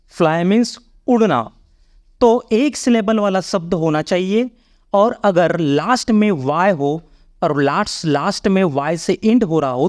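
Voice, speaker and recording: Man teaching spelling slowly. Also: high-pitched, a little mellow. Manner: spells words letter by letter and repeats them slowly; checks in with listeners often. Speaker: English teacher. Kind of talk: spoken spelling lesson.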